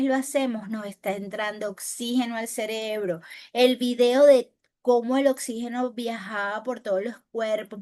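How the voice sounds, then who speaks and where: Woman teacher, venezuelan accent, slightly high voice, lively lecture with rhetorical questions. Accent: Venezuelan Spanish. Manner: animated, swings loud and soft, asks rhetorical questions. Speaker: teacher of spokesperson training. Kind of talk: classroom lecture.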